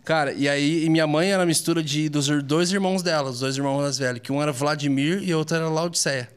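A man's voice: on the high side, steady tone, fast, clean tone. A man in a casual chat, telling funny anecdotes with a laugh and imitating the voices of the people he quotes.

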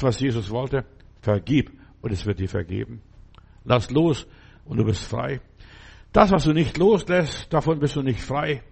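A man's voice: mid-range voice, vocal fry, darkish tone, breathy edge. A man preaching a sermon, pressing his listeners with urgent, repeated exhortations.

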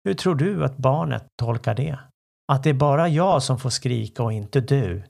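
A man who works as a life coach, hosting his own self-help podcast in a calm, reflective way and speaking straight to the listener. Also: mid-range voice, vocal fry.

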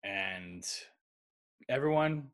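Male podcast host, lowish voice, casual, blunt short interjections. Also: animated, very slow. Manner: blunt, brief agreeing remarks. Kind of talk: casual chat.

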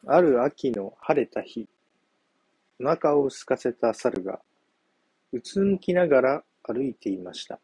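Mellow husky male storyteller. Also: medium pitch, animated, a little slow, no room sound. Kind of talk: storybook narration for children.

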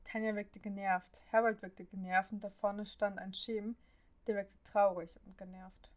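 A woman narrates a story like an audiobook reader, her delivery even and steady. Her voice sits at a medium pitch, and she takes her time.

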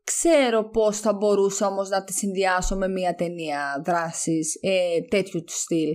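A woman in relaxed conversation about films, her voice leaping up in pitch when she gives an opinion. She sounds lively and is pitched in an ordinary middle range. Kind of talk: casual chat about superhero films.

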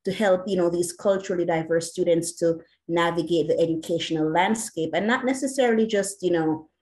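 A woman with a Jamaican accent, an educator and academic, answers an interview question earnestly and with passion, using "you know" again and again. Her voice is on the low side, a little fast and a little mellow.

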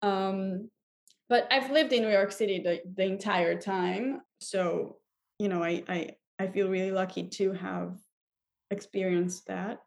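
A woman's voice: mid-range voice, steady tone, measured pace, gravelly. A woman in her thirties, from Israel, talking as a violinist guest in an interview, thoughtful with many fillers and restarts. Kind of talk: casual interview talk.

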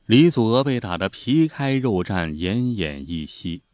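A man's voice: on the low side, big pitch swings, a little slow, a little mellow, no room sound, clean studio sound. A man telling history stories in a folksy, chatty way, full of spoken filler particles. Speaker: history storyteller. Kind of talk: casual spoken history storytelling.

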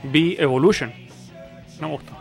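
A man's voice: a little high, moderate pace, gravelly, faint music behind. A man with a Chilean accent co-hosting a stream in casual chat, laid-back with short, dry replies. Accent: Chilean Spanish. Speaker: streamer co-host.

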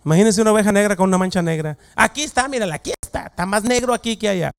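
Gravelly-voiced pastor preaching with humor. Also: male voice, high-pitched, racing. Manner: lively, acts out quoted voices, jokes with congregation. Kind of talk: humorous sermon.

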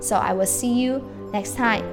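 Over music, a woman with a fairly high voice teaches Chinese phrases, alternating English explanation with slow demonstrations of the Chinese. She's a Mandarin-native teacher and podcast host, and the lesson feels relaxed.

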